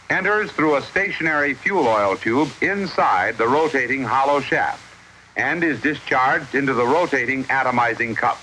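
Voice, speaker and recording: A man's voice: mid-range voice, sharp tone. A man narrating a 1950s educational film in the formal, instructive manner of an old newsreel narrator. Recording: noisy vintage 1950s film soundtrack.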